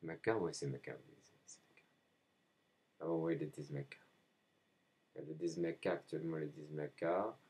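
A man in a rambling spoken monologue, halting often and repeating himself as if answering his own questions. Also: extremely low pitch, fairly even intonation, a little mellow, breathy edge. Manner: halting, frequent hesitations.

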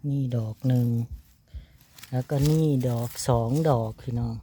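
A man's voice: medium pitch, steady tone, a little slow, warm tone, slight background noise. A man with an Isan Thai accent giving casual running commentary outdoors while foraging for mushrooms, chatty and forever calling out to his viewers. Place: outdoors in the woods.

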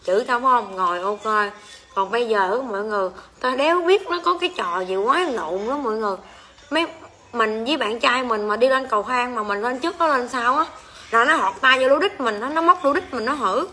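A woman's voice: a little high, fairly quick, pushed and bright. A woman with a Southern Vietnamese accent, hosting a casual livestream and ranting to her viewers in a crude, exclamatory, rambling way. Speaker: livestream seller and host.

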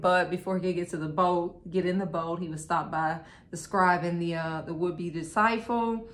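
A woman teaching a casual Bible study, halting with many fillers and restarts, laughing now and then. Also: on the low side.

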